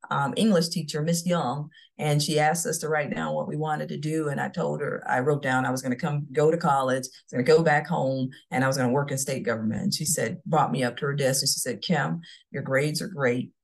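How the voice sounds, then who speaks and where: A middle-aged woman from Florida, speaking in a low, gravelly register. She tells her career story as a podcast guest in a confident, motivational way. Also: steady tone, brisk, hardly any pauses. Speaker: guest, CEO. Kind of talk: podcast interview.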